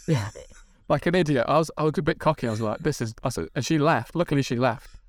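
A man, a TV director, telling animated casual stories on a podcast, swearing and acting out what people said. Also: on the high side, moderate pace, no echo. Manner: animated, swearing, acts out dialogue. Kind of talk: casual storytelling. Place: podcast studio.

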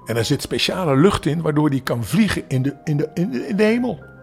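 An older man voicing a kindly, playful carter in a children's story, speaking in a teasing, lively way. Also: on the high side, brisk, creaky, faint music behind, voice pushed up. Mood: proud. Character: kindly broad-backed carter, playful and secretive.

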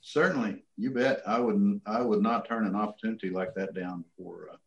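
Echoey, muffled, halting middle-aged man. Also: lowish voice, gravelly. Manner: halting, folksy. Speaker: interview guest, city manager. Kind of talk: casual interview answers. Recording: muffled, echoey room sound.

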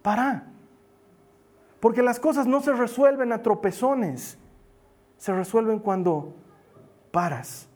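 High-voiced guy preaching, animated and emphatic, goes soft when he pleads. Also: slow, pauses often. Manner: animated, emphatic, often playful with acted asides; drops to soft pleading at key points. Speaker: pastor. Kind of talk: sermon.

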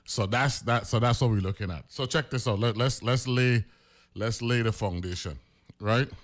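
A man hosting a political talk radio show, animated and rambling with many fillers. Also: mid-range voice, normal speed.

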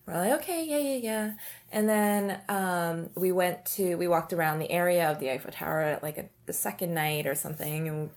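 A woman's voice: on the low side, a little fast, creaky, few pauses. Chatty young woman telling a story. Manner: animated storyteller, lots of "like". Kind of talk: casual chat.

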